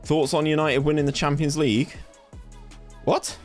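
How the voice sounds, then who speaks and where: A man's voice: a little high, level tone, moderate pace, soft background music. A young man from England with a West Country accent, streaming casually as he plays a game, chatting and reacting aloud to his chat. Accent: West Country English. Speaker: gaming streamer. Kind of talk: casual live-stream commentary. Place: home room in summer heat, fan running.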